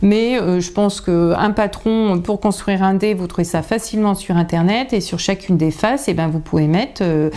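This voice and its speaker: Woman, teacher explaining to parents, warm mellow tone, chatty with filler pauses. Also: mid-range voice. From France. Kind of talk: informal video lesson to parents.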